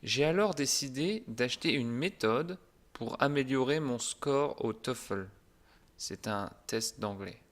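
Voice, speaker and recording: A man teaching a language lesson in a calm, deliberate, clearly articulated way. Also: medium pitch. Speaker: French teacher.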